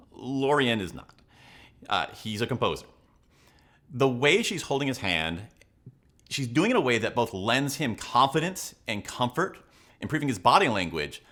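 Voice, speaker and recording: A man's voice: mid-range voice, bright, forceful tone. A man presenting analytical commentary to viewers as a coach, with an emphatic, instructional way of talking. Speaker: body language and leadership coach, video host.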